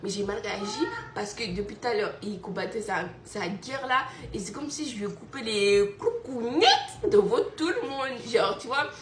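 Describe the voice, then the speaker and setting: A woman's voice: on the high side, expressive, moderate pace, few pauses. A young woman from Guadeloupe, a mother animatedly telling a friend a story over a phone video call, laughing often and checking "you see?". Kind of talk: casual storytelling chat. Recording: roomy echo in a home room.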